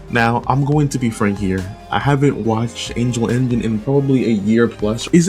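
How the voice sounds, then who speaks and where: A man with a lowish, darkish voice hosts a video essay, giving his opinions in a casual, conversational way and frequently restating what he means. Background music plays beneath him.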